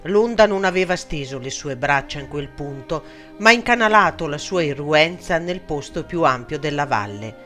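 A man narrating a first-person story in a steady, somber reading voice. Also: on the high side.

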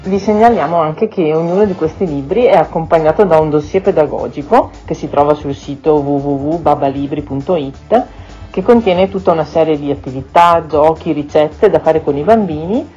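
A woman radio host presenting and reading children's books in a clear, steady voice. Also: low voice, normal speed, faint music behind. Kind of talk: scripted radio book presentation. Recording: dull lo-fi radio sound.

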